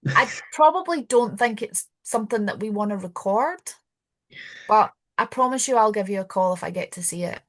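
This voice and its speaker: A woman's voice: medium pitch, lively intonation, fairly bright tone. Easygoing female podcast co-host. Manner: brief, easygoing replies with quick laughs. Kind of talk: casual wrestling chat.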